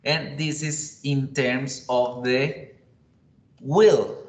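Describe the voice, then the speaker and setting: Slow-talking man teacher in an echoey room. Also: mid-range voice, fairly bright tone. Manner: slow, repetitive drilling of pronunciation. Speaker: English teacher. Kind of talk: classroom commentary on a video.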